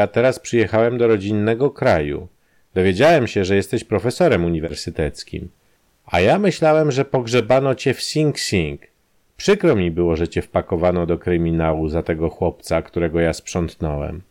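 A man voicing a brash safecracker who blackmails an old acquaintance, talking in a loud, taunting, pushy way. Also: fairly low pitch, close to an everyday voice.

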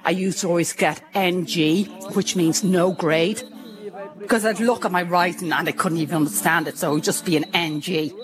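Irish-born woman w a speech impediment, candid self-mocking story, sounds out tricky words slowly. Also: on the low side, fairly even intonation, a crowd in the background. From Ireland. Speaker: interviewee. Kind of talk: personal storytelling.

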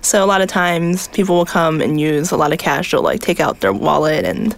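A calm American woman with a somewhat low voice, speaking as a guest in a relaxed chat. She answers in a measured, practical way. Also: gravelly. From United States. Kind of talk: casual chat.

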